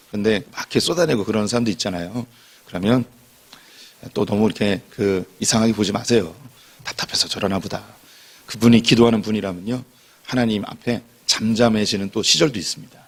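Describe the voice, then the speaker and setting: A man's voice: lowish voice, gravelly, slightly rough. A male pastor giving a sermon in a conversational, informal way, often repeating himself as he talks to his congregation.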